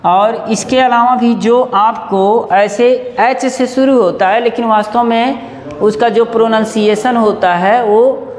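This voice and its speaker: A man teaching English grammar to exam students, repeating each example word slowly and sometimes correcting himself. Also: very high voice, fairly even intonation. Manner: drawn-out repetition of example words; corrects himself mid-explanation. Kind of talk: classroom grammar lesson. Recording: echoey room with long reverb.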